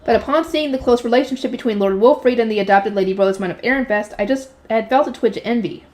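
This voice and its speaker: A woman's voice: a little high, quick pace, darkish tone. A woman reading a light novel aloud, unrehearsed, often slipping and correcting herself. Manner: unrehearsed reading with frequent slips and self-corrections.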